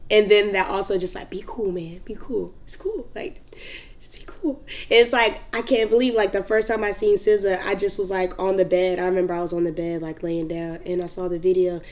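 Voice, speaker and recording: A woman's voice: fairly low pitch, flat delivery, quick pace, hardly any pauses, darkish tone. A young woman from North Carolina with a Southern accent, a rapper telling stories in an interview, laid-back and laughing often, with lots of "like". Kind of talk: casual interview storytelling.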